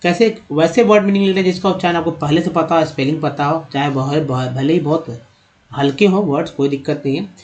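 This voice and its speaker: A man teaching English pronunciation, asking and answering his own questions in a steady drilling rhythm. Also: a little high, fast. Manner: addresses viewers as friends. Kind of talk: explaining with written examples on screen.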